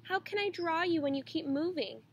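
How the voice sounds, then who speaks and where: A woman voicing a fierce, bad-tempered old male painter who shouts orders at dancers. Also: very high-pitched, animated, normal speed, highs cut off, slight background noise, voice pushed up. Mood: angry shouting.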